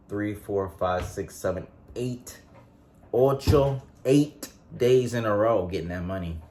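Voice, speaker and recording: Deep-voiced man in his late twenties. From North Carolina. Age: 20s. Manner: relaxed rambling with frequent fillers and restarts. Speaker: vlogger. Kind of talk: casual vlog chat.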